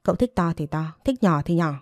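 A woman's voice: on the low side, expressive, fairly quick, darkish tone, no room sound, clean studio sound. A woman voicing a stern, angry male provincial mandarin who threatens and stresses each word. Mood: stern threatening.

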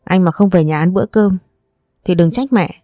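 A woman's voice: fairly low pitch, normal speed, dark tone, no room sound, clean studio sound, lightly acted. A woman voicing a middle-aged mother who nags and scolds her son. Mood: scolding. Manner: nagging, scolding.

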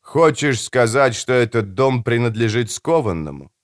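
A man voicing a muscular male customer at a market stall, terse and gruff, speaking low and curt. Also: animated, moderate pace, no room sound, clean studio sound, close to an everyday voice. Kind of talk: audiobook character voice.

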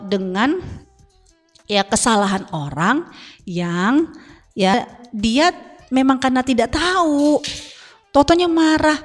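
A middle-aged woman religious teacher giving an Islamic family talk on the radio, expressive and animated in her asides. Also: mid-range voice, in a large hall. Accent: Indonesian.

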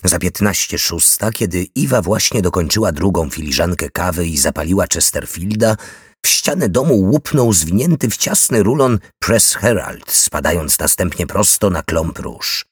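A man reading a novel aloud in a steady, measured storytelling voice. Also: sits low, slightly rough, dry recording, clean studio sound. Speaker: audiobook narrator. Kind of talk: scripted narration.

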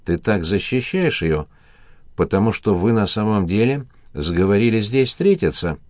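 A man's voice: on the low side, animated, normal speed, darkish tone, dry recording, studio quality, natural voice. A man voicing a suspicious, jealous wife who speaks assertively and accusingly.

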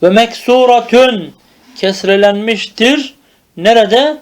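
A man teaches grammar in the old madrasa manner, with a high voice. He speaks slowly and draws out each term. He keeps asking whether the point is understood. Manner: drills terms slowly, asks checking questions. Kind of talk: traditional madrasa-style grammar lesson.

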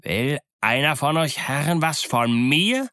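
In a studio-quality recording with no room sound, a man voices a scheming old one-legged pirate captain for an audiobook. His medium-pitched, expressive, slightly bright voice moves at a measured pace as he growls menacing threats, mocks his crew scornfully, and barks commands.

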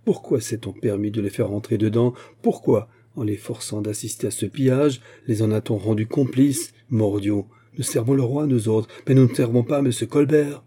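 A man's voice: mid-range voice, completely flat delivery, normal speed, mellow, breathy edge, close to an everyday voice. A man voicing an indignant veteran musketeer captain who hammers his words and swears. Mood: furious indignation.

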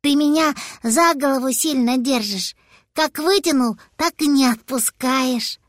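A small, timid young dragon from a storybook, speaking naively like a child, as a woman voices him. His voice sits a bit higher and farther off than the narration. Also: measured pace, dry recording, studio quality.

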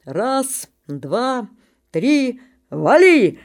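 A woman voicing a brisk merchant father who shouts out commands. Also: medium pitch, lively intonation, natural voice.

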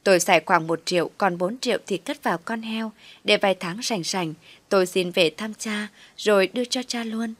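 A woman narrating a first-person story in a steady, reflective way. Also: mid-range voice, moderate pace, no echo.

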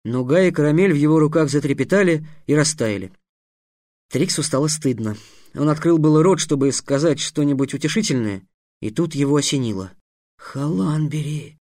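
Man reading an audiobook, slightly high voice, dry close mic, even storytelling tone. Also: fairly quick, no echo. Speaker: audiobook narrator. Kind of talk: scripted audiobook narration.

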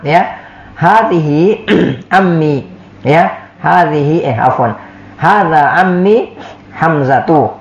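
A man teaching Arabic in a classroom lesson, explaining patiently, repeating words and often checking with "ya". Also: on the high side. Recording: echoey, dull lo-fi room recording.

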